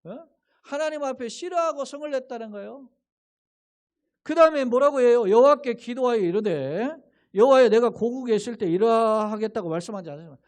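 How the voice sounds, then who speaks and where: A man preaching a sermon in church as pastor, asking the congregation questions and building to loud rising calls. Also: very high-pitched, fairly quick. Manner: asks the congregation questions and answers them himself. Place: church sanctuary.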